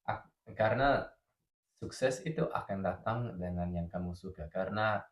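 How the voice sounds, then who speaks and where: A male foreign learner and native English speaker talking in careful, formal, halting Indonesian as a podcast guest, stuffed up with a cold. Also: sits low. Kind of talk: casual podcast interview. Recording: roomy echo, slightly dull sound.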